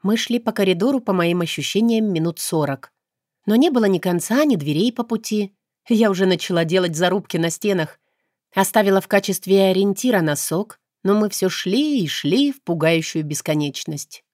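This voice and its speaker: A woman narrating an audiobook in the first person, with steady, measured storytelling. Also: mid-range voice, no echo, clean studio sound.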